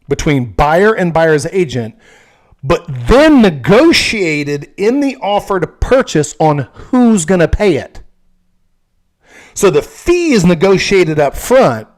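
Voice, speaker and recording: A man working as a real estate agent, explaining things frankly and casually, often checking in with "okay?". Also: a little high.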